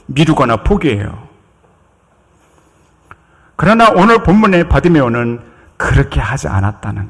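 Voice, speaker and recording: Man preaching with animated swings in a reverberant church. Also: fairly high pitch. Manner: dramatic, repetitive preaching with acted quotes and drawn-out emphasis. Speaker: pastor. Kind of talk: sermon. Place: church sanctuary.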